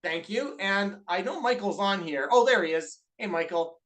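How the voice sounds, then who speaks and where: His voice sits high and a bit bright, animated and at a moderate pace, recorded from a distance over a video call mic. This Canadian-accented business co-owner hosts a live online masterclass in a lively, conversational way, peppered with uhs.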